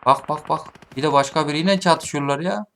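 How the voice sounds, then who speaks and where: A man's voice: fairly high pitch, a little fast, vocal fry, a little hiss or hum. Taunting man narrating his gameplay. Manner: taunting opponents, mutters then shouts. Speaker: gaming streamer. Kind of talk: live gameplay commentary. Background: game gunfire.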